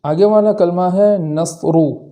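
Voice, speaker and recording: A man teaching Quran recitation rules, explaining each letter and slowly reciting examples. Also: high voice, dark tone. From India. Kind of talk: tajweed lesson with recited examples.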